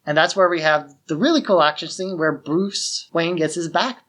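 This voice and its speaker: Recounting a movie's story in a relaxed podcast recap, the host uses a mid-range, fairly bright voice at a moderate pace. The tone is chatty and explanatory, much like describing it to a friend.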